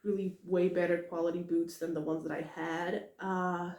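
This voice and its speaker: In an echoey room, a young female podcaster discusses a book at a normal speed, her pitch fairly low. She rambles casually, giggling often, restarting sentences, saying "uh" a lot and tossing in excited asides.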